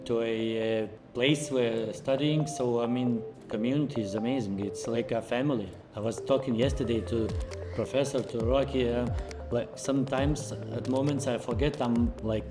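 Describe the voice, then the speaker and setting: Man from Lithuania, earnest testimonial, halting phrasing, music bed. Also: medium pitch, fairly even intonation. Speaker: mentorship student giving testimonial.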